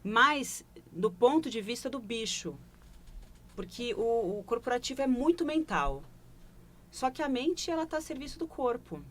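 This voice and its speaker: A woman's voice: a little high, expressive, unhurried. A woman with a Brazilian Portuguese accent, a leadership consultant explaining her work in a broadcast studio interview and often checking in with short questioning asides. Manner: reflective, tags phrases with questioning asides.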